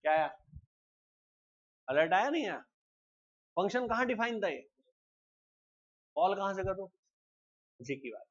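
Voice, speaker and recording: A man teaching a live programming class, explaining step by step and often asking students quick check questions. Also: sits high, sing-song, muffled recording. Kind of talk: live classroom coding lecture.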